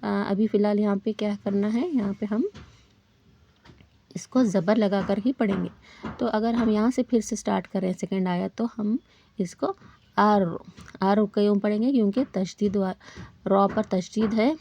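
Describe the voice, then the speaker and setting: A woman teaching Quran recitation in a patient step-by-step lesson, repeating each rule and pausing to ask her learners questions. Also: mid-range voice, creaky, warm tone. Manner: slows down to model Arabic sounds.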